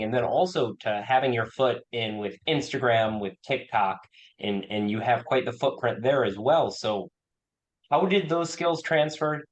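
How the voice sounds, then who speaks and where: A man's voice: mid-range voice, poor audio. A man hosting a podcast interview, easygoing and a bit hesitant as he frames his questions. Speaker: podcast host. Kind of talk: casual interview on a video call.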